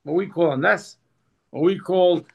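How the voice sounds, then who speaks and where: Gravelly halting man teaching a class. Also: high voice, darkish tone, rough recording. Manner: halting, repeats words, reads slowly and translates. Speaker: religious teacher. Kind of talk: text study class.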